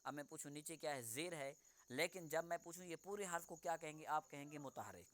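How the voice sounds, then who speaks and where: A man teaching Quran reading in an online lesson, patiently explaining and then slowly modelling each sound for the student to repeat. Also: fairly high pitch, fairly bright tone, no room sound.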